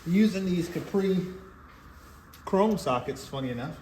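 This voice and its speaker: A man's voice: sits high, lively intonation, a little slow, roomy sound. Man muttering while wrenching in a noisy garage. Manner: talks to himself while working, mutters. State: out of breath, coughing from dust. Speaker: YouTube garage host. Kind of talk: casual workshop vlog. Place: home garage under a truck.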